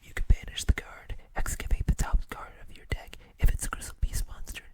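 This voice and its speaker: Card text is read out by an ASMR host whose breathy whisper stays slow and deliberate, broken now and then by relaxed offhand comments.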